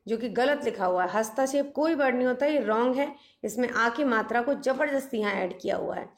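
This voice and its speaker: A woman teacher leading a spelling lesson, reading each word out twice and explaining the corrections, with English phrases mixed into her talk. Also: a little high. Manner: repeats each word twice, slow and deliberate.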